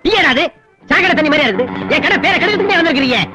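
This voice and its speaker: An actor playing a short-tempered eatery owner who scolds and demands payment in a film comedy. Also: male voice, very high-pitched, racing, over loud music. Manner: scolding, blustering, animated. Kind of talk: Tamil film comedy acting.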